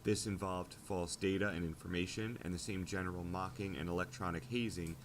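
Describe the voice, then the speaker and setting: A man giving steady, scripted documentary narration about a fan community's history, played back from a video. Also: low voice, fairly quick. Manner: steady, informative storytelling.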